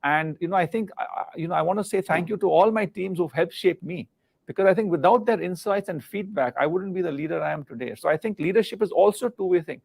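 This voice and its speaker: Middle-aged guy from india, rapid and gravelly, earnest, keeps restarting words. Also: high voice, a little mellow. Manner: fast, earnest, repeats words as he searches. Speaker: guest, former senior business leader. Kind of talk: live interview on leadership.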